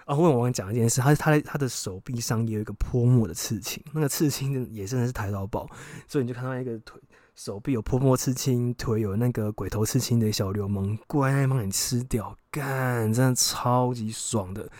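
A young man, hosting a podcast and telling a personal story casually, frank and excitable, swearing freely. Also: mid-range voice, brisk, no echo, clean studio sound. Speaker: podcast host.

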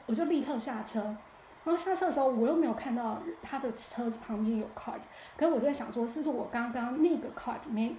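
A woman's voice: fairly high pitch, darkish tone. Woman telling her own embarrassing story on her podcast, chatty, roomy echo, faint hum behind. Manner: chatty, candid, laughs at her own mishaps. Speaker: podcast host. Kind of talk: casual solo storytelling. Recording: echoey room.

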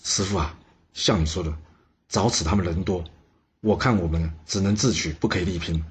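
A man voicing a calm, shrewd male archer disciple in a storybook tale, speaking low and quietly. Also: moderate pace, slightly rough. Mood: scheming.

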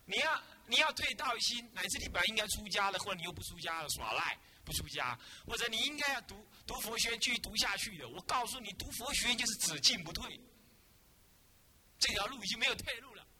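A man's voice: high-pitched, very animated, quick pace, a crowd in the background. A man, a Buddhist abbot, giving a dharma lecture to students, scolding and teasing them with rhetorical questions.

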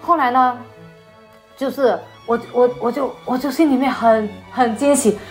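A woman shares her personal faith testimony as an interview guest, speaking haltingly with frequent repeated words and restarts. Her voice is fairly high and steady in tone, with faint music in the background.

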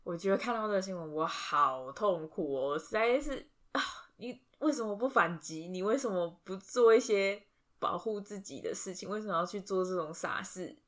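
A woman co-hosting a podcast, telling stories in an animated, chatty way with many fillers. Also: medium pitch, normal speed. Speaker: podcast co-host. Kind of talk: casual chat.

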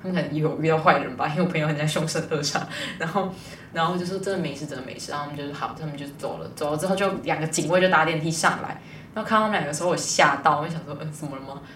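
A young woman, a guest telling a personal story in a rambling, lively way. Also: low-pitched, slight background noise. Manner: rambling, lively retelling with quoted dialogue. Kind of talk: casual storytelling in an interview. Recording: distant mic, roomy echo.

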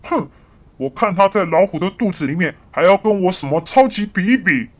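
A woman voicing a tall, boastful giraffe in a children's story, loud, bossy and scornful. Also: on the low side, lively intonation, fairly quick.

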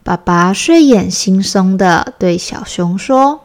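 A woman, softly narrating a children's bedtime story as the show's host. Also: mid-range voice, expressive. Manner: soft, soothing and deliberate.

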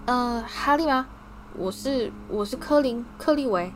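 A man's voice: very high-pitched, brisk, soft background music. A woman voicing an eager, starstruck young schoolboy who gushes and pleads breathlessly.

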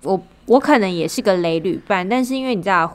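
A woman's voice: medium pitch, fast talker. Young woman telling a story. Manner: animated storyteller acting out quotes, swears casually. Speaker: podcast co-host. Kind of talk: casual storytelling chat.

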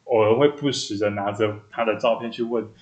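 Fast-talking man telling a story. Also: lowish voice, muffled recording, a loud crowd. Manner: animated storyteller who acts out quoted dialogue. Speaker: podcast co-host. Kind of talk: casual chat, telling a personal story. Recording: echoey room.

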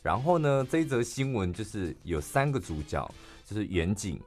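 A man's voice: fairly low pitch, moderate pace, faint music behind. A man with a Taiwanese Mandarin accent, co-hosting a casual podcast chat and retelling a news story with lots of filler particles. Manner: chatty, frequent filler particles, animated retelling. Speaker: podcast co-host.

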